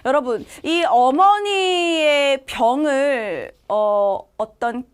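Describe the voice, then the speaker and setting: A woman teacher giving an online exam-prep lecture, animated and often turning to speak to her students. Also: sits high, extremely slow. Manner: animated, addresses students directly.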